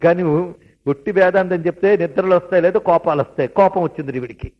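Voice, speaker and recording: A man giving a devotional discourse who retells scripture stories with animated asides to his listeners. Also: sits high, quick pace. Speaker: religious storyteller. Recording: dull lo-fi recording.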